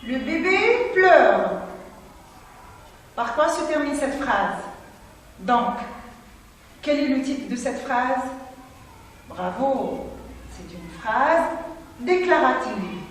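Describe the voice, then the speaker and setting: Slow, clear woman teacher in an echoey hall. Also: high voice, expressive. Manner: slow, clear and encouraging, reading example sentences aloud. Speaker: French teacher. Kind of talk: slow classroom lesson for children. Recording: echoey distant hall with faint noise.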